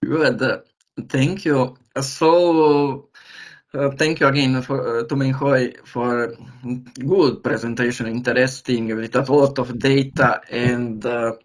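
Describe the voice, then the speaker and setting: Man, professor, online lecture, video call, halting, searching for words, mid pitch. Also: steady tone. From Serbia. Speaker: university professor giving a lecture.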